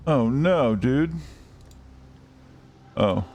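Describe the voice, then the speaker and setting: A man chatting casually on a game live stream, rambling and swearing freely, with excited outbursts. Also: mid-range voice, extremely slow, slight background noise.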